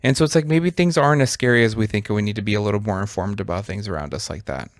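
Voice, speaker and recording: A man's voice: on the low side, racing, no room sound, clean studio sound. A man in his thirties co-hosting a podcast, talking in a casual, reflective and rambling way with lots of fillers. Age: 30s. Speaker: podcast co-host. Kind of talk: casual chat.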